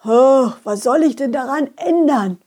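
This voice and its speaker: Woman as a lonely male donkey, husky, lively in pitch, drawn-out sighs. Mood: glum. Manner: sighing and hesitant. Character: lonely, plodding male donkey hauling apples.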